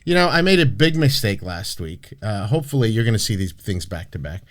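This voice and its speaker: A man's voice: fairly low pitch, big pitch swings, a little fast. A man hosting a casual podcast, brash and profane, rambling with frequent restarts and fillers. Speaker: podcast host.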